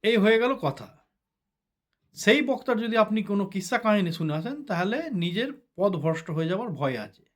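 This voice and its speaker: A man's voice: high-pitched, expressive, normal speed. A man giving a sermon-style religious talk, explaining step by step and often checking with the listeners. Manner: explains step by step, asks the listeners "ঠিক আছে?". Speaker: religious speaker.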